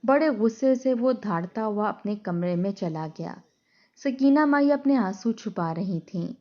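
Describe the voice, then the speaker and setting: A woman's voice: medium pitch, animated, a little slow, darkish tone. Woman narrating a dramatic story. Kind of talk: scripted narration. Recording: dull lo-fi recording.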